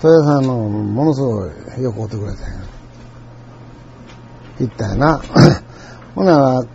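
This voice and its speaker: A man's voice: medium pitch, animated, moderate pace, creaky, warm tone, muffled recording, slight background noise. An older man with a Kansai accent, telling old stories in a rambling way and chuckling now and then. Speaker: storyteller. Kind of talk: casual spoken reminiscence.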